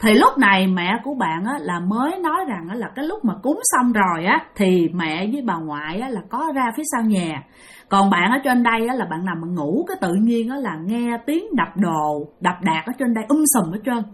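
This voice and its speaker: A woman's voice: mid-range voice, big pitch swings, normal speed. A woman with a Southern Vietnamese accent telling a ghost story, chatty and addressing listeners directly. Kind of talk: spoken ghost story narration.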